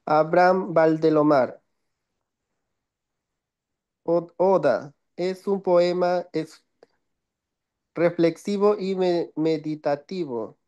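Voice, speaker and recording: Young male student, slow and mellow-toned, reads notes haltingly over his phone. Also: a little high, dull audio. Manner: halting, stumbling, self-correcting. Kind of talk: reading notes aloud in class.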